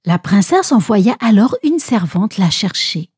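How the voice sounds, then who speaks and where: A woman narrating a children's Bible story in an expressive, animated way. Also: mid-range voice, unhurried, slightly rough, dry recording, studio quality.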